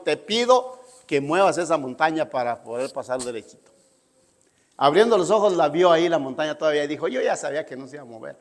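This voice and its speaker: A man preaching a sermon in an emphatic style, often checking in with the congregation. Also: a little high. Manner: emphatic, asks listeners "¿sí?" often. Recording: long hall reverb.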